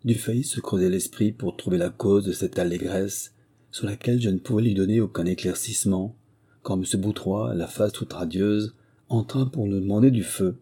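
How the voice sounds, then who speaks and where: Husky dark-voiced male narrator. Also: lowish voice, normal speed. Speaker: audiobook narrator. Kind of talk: scripted narration.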